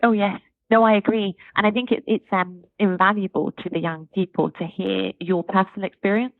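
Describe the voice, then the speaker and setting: A woman's voice: mid-range voice, fairly even intonation, a little fast, gravelly, no echo. A woman, a charity chief executive speaking as a guest in a podcast interview, articulate and enthusiastic. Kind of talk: conversational interview. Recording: tinny phone-like remote line.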